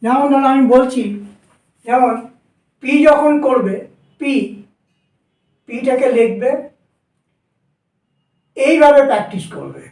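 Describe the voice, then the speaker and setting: A woman's voice: high-pitched, expressive, takes it slowly, pauses often, a little mellow, reverberant. A woman with a Bengali accent, teaching shorthand strokes at a board and patiently repeating each step. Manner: instructive, repeats steps patiently. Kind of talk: whiteboard lesson for students.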